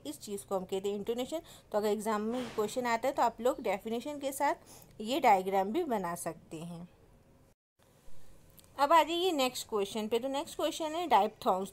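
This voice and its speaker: A woman explaining exam questions step by step, repeating each definition and reading the English lines slowly. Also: fairly high pitch, expressive. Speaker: teacher. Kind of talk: exam-prep lesson in Hindi-English mix.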